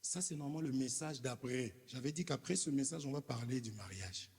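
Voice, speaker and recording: A man's voice: medium pitch, brisk, a little mellow, breathy edge. A man with a Congolese accent, a preacher delivering an emphatic sermon with rhetorical questions to his congregation in a church hall. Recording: reverberant hall.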